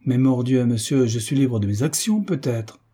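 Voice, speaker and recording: Man reading as lovesick young duke, desperate, dark husky voice. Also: medium pitch, animated, moderate pace. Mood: anguished. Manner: impassioned, despairing. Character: anguished young nobleman in love.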